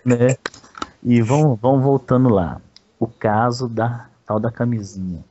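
A man's voice: medium pitch, a little slow, warm tone, dull audio, slight background noise. A Brazilian man telling a personal story in a rambling, crude way, with a lot of slang. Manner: rambling and crude, peppers speech with "velho". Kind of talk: casual storytelling.

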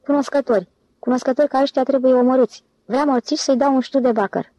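A woman voicing a scheming, smooth-talking male con man who leads his band in a storybook reading. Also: high voice, warm tone, no room sound, poor audio. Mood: furious. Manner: commanding, irritable.

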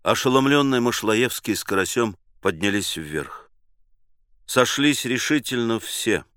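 A man reading a novel aloud as an audiobook, acting out the characters' lines with changes in pitch and loudness. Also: animated, measured pace, no room sound, clean studio sound. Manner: shifts pitch and loudness to act out characters' cries. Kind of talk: audiobook narration with acted dialogue.

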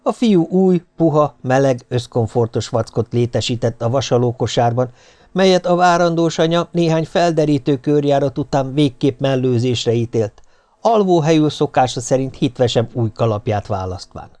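A man narrating an audiobook in a steady, mid-pitched voice. His reading has a dry, wry irony and an unhurried, storyteller's pacing. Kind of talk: scripted narration.

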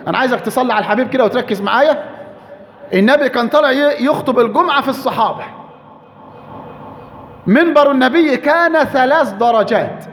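A man with an Egyptian accent preaching a sermon, emphatic, repeating key phrases and slowing down to stress them. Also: very high-pitched, expressive, a bit bright, long reverb tail, slight background noise. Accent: Egyptian Arabic.

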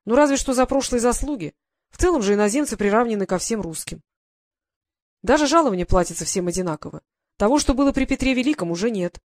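A woman reading an audiobook, voicing a calm young male guard sergeant reassuring his mother in a steady way. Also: fairly high pitch, quick pace, close to an everyday voice.

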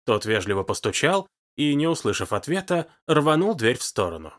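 A man's voice: mid-range voice, sing-song, normal speed, a bit bright. A man narrating an audiobook expressively. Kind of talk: audiobook reading of science fiction.

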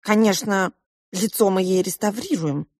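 A woman's voice: mid-range voice, a little slow, darkish tone, dry recording, clean studio sound, lightly acted. A woman voicing a distraught father who talks in an anxious, desperate way.

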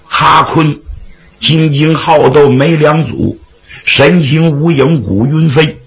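Male storyteller, dramatic traditional narration, slow and gravelly. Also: a little high, low-quality recording. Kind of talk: traditional Chinese pingshu storytelling.

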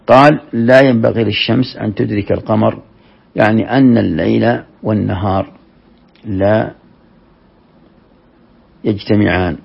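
Gravelly low-voiced man teaching scripture. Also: steady tone. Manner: measured, explanatory, with restarts and scripture quotes. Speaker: Quran commentary teacher. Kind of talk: classroom exegesis lesson. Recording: dull lo-fi lecture recording.

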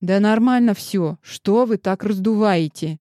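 A woman's voice: mid-range voice, measured pace, mellow, no room sound, clean studio sound, close to an everyday voice. A woman voicing a brash secretary in her forties who talks bluntly and dismissively. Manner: blunt, dismissive, matter-of-fact.

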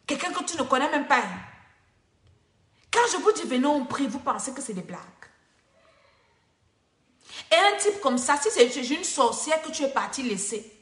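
High, bright-voiced woman preaching. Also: expressive, a little fast. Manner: emphatic, scolding, repeats phrases for force. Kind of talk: preaching exhortation. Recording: echoey room.

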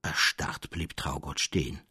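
A man narrating a classic story in an expressive reading, in a studio. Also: a bass voice, measured pace, faint music behind.

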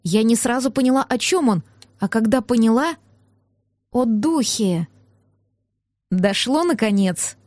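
A woman reading a novel aloud as first-person narrator, in an expressive storytelling manner. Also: fairly high pitch, moderate pace, no room sound, studio quality. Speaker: audiobook narrator.

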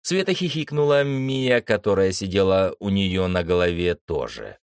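A man reading a novel aloud as an audiobook narrator, expressive and shifting his tone for each character. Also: deep voice, normal speed, smooth, no room sound, clean studio sound.

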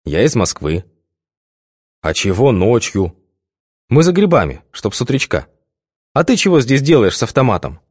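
A man reading an audiobook voices a bluff, joking company director in a lifted, lively voice. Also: medium pitch, moderate pace, pauses often, husky, no echo, clean studio sound. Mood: cheerful.

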